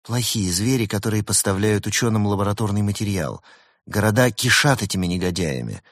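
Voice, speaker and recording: A man playing an anxious male tiger from a storybook, earnest and pleading. The voice stays fairly low and plain. It sounds dry and close. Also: expressive, brisk, fairly bright tone, no room sound. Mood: worried.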